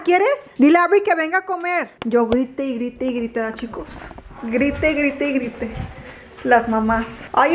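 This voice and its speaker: A woman's voice: a little high, a little mellow, dull audio, slight background noise. A woman, chatting casually to her viewers in a home vlog. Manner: chatty, addresses viewers as chicos, frequent fillers. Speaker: vlogger. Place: home and car.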